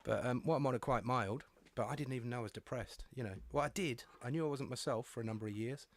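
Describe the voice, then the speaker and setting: A man's voice: medium pitch, fast. A man hosting a live chat show, friendly and matey, with lots of agreeing murmurs. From England. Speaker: host.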